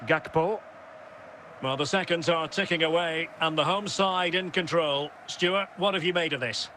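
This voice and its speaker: A man calling a football match play by play in brisk bursts, naming players as the ball moves, recorded in a studio and played from a game. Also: fairly high pitch, pushed and bright, a little hiss or hum. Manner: brisk calls of player names. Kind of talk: sports commentary.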